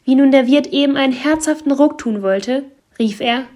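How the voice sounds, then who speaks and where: A woman narrating a fairy tale in a lively storytelling manner, sometimes dropping to soft whispers. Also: high voice, normal speed.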